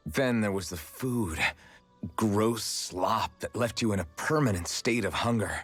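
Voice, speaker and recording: A husky young ex-slave hero. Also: male voice, fairly low pitch, a little slow, soft background music. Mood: reflective. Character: earnest young male freedom fighter, former slave. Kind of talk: game character dialogue.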